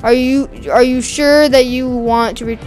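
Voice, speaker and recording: A woman talking casually over her own gameplay, excitable and slangy, yelling and laughing at the game. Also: high-pitched, a little slow, soft background music. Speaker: gamer streaming gameplay.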